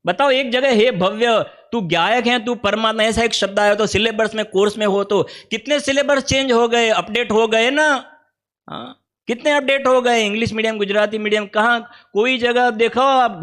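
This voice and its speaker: High-voiced Gujarati-accented man preaching. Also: a bit bright. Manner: conversational, asks the audience questions often. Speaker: Jain preacher. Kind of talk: spiritual discourse at a camp. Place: teaching camp hall.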